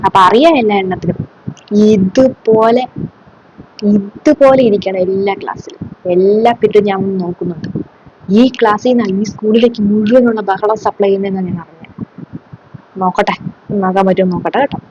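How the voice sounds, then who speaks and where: A woman's voice: medium pitch, fairly quick, long pauses, darkish tone, muffled recording, slight background noise, close to an everyday voice. A woman playing a strict schoolteacher who lectures and scolds her class sarcastically. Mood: stern. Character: strict scolding female schoolteacher, middle-aged. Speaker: comedy sketch creator. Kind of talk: solo comedy sketch.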